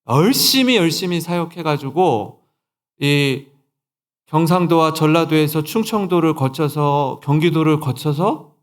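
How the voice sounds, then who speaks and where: A pastor in his forties delivers a sermon in a church, telling a story from his own life and acting out the conversations in it. His voice sits a little high for a man, and his pitch swings widely as he stresses a point. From Seoul, South Korea. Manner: storytelling with quoted dialogue, lively emphasis. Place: church sanctuary.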